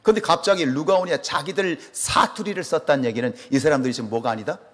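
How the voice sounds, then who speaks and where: Speaking fast in a slightly high voice, this pastor from Chungcheong delivers an animated sermon with a Chungcheong Korean accent. The church sanctuary gives a big-room sound, and he keeps asking the congregation questions that he then answers himself.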